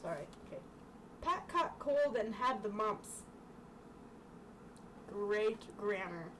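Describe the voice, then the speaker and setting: A young woman reading a children's book at storytime speaks slowly in a medium-pitched, fairly bright voice with lively intonation. She keeps it informal, adding casual asides and stumbling over the text. The distant mic catches clearly noisy room sound.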